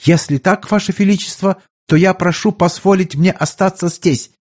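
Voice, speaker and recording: A man's voice: high-pitched, normal speed, darkish tone, pitched above the performer's own voice. A man voicing an earnest middle-aged court doctor who pleads respectfully with his monarch, in an audiobook.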